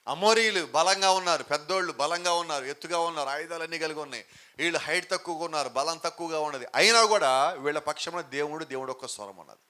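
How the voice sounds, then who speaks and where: A man's voice: on the high side, fast, bright, forceful tone. A man preaching a sermon with emphatic rhetorical questions, now and then mixing in English phrases. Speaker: pastor.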